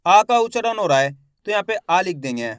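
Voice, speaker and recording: A man teaching Hindi reading, slowly sounding out words syllable by syllable and quizzing his viewers. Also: sits high, very animated, fairly bright tone, smooth, no room sound, studio quality. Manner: slow, drawn-out syllable by syllable pronunciation; addresses viewers as friends, asks quiz questions. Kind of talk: spelled-out reading lesson.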